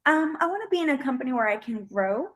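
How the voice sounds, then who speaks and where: A young job candidate from Colombia, a first-language Spanish speaker, talks fast in a high, expressive voice during a video-call interview. Even so, she's hesitant, full of ums and restarts as she answers.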